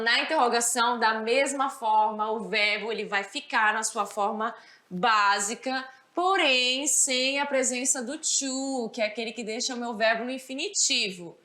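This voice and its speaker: A Brazilian woman teaching English grammar, her voice high and bright. She explains patiently and keeps checking that the class follows along. The sound carries a roomy echo. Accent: Brazilian Portuguese. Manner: explanatory, checks understanding with "certo?". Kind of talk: recorded school lesson.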